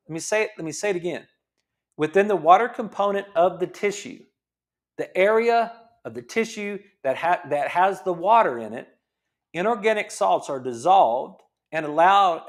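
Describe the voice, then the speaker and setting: Brief: chiropractor man, 50s, fairly high voice, talks it through with rhetorical questions. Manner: explains, repeats himself, asks rhetorical questions. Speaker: chiropractor host. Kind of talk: casual health talk.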